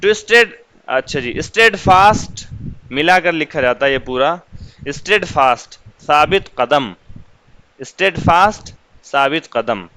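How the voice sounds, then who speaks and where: A man teaching English vocabulary in Urdu, repeating each meaning and saying the example sentences slowly and carefully. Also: a little high, lively intonation, pushed and bright, slight background noise, poor audio. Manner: slow, deliberate reading of English examples, repeating glosses. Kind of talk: vocabulary lesson explaining English words in Urdu.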